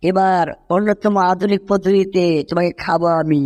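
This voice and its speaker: A woman's voice: lowish voice, steady tone, normal speed, darkish tone, natural voice. A woman voicing a hungry, scheming male house cat in a fan cartoon dub, muttering and groaning to himself.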